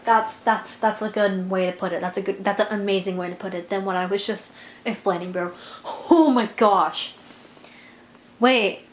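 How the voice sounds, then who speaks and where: A woman's voice: medium pitch, fairly even intonation, normal speed, slight background noise. A young woman vlogging casually, rambling and self-conscious, with constant "like" fillers. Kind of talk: casual confessional chat. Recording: echoey room.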